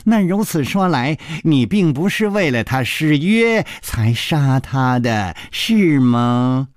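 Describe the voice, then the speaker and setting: A man's voice: medium pitch, big pitch swings, slow pace, dry recording, clean studio sound. A male storyteller voicing a clever, wry male hero who speaks in a light, bantering way.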